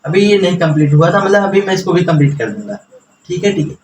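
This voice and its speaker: A man's voice: sits high, big pitch swings, fast talker, a little mellow, slight background noise, low-quality recording. A young man teaching a class in a chatty, lecturing way, mixing English words into his explanations.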